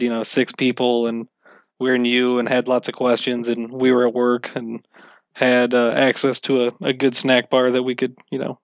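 A man talks loosely and at length about running games, with a wry, self-mocking humour. His voice sits at an ordinary middle pitch. The recording is dry and a little dull. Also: no room sound. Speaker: game master being interviewed. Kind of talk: casual interview answers.

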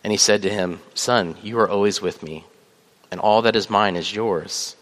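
A man preaching a sermon as pastor, measured, with fillers, reading scripture aloud. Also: fairly low pitch, fairly bright tone. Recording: long hall reverb.

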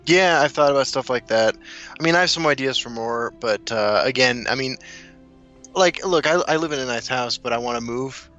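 A man's voice: medium pitch, moderate pace, sharp tone, dull audio, faint music behind. An American man co-hosting a casual chat, rambling and interrupting himself as he tells stories. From United States. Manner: rambling, self-interrupting storyteller. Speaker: co-host.

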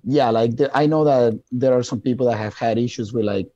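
In a dull, lo-fi recording that sits dry and close, a young man with a thick Colombian Spanish accent talks as a podcast guest, relaxed yet hesitant, restarting phrases and leaning on fillers. His voice is mid-range, mellow and dark, and his pace runs a little fast.

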